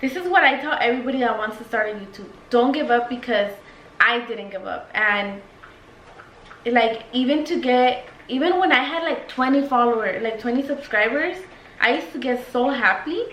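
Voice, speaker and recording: Tipsy girl vlogger rambling, sweary and slangy, highish voice, roomy sound w faint noise. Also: normal speed, a bit bright. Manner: tipsy, loose rambling talk. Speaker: YouTube vlogger. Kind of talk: casual Q&A chat. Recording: echoey room with faint noise.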